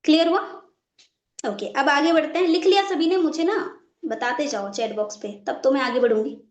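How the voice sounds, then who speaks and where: A woman's voice: high voice, brisk, roomy sound. A woman running a live online training session, stopping again and again to check that her class is following and repeating her points. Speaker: network marketing trainer.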